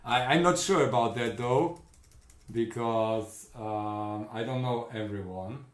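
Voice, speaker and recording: Casual stream host: Central European man, unhurried and halting, recorded in a roomy space. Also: medium pitch. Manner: greets chat viewers by name, halting with fillers. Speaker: livestream host. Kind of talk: casual live-stream chat.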